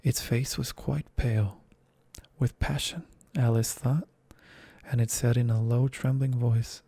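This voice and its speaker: A man reads a storybook aloud in a slow, gentle ASMR voice, right up on a close microphone. His tone is dark and mellow with a gravelly texture. The sound is dry, with no room around it. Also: mid-range voice, steady tone, no room sound. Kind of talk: soft-spoken ASMR reading.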